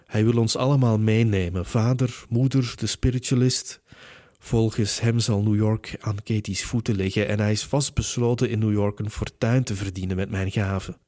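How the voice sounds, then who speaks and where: Sorrowful young woman medium, soft and subdued, low warm voice, read by a male narrator. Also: moderate pace, no echo, clean studio sound, natural voice. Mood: pleading. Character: tearful young woman medium, gentle, resigned.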